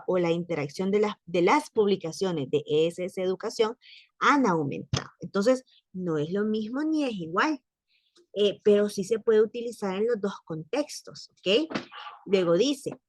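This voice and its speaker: A woman's voice: medium pitch, no room sound. Woman French teacher, patient and repetitive, dry recording. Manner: explains patiently, repeats phrases, slows for examples. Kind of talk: online language class.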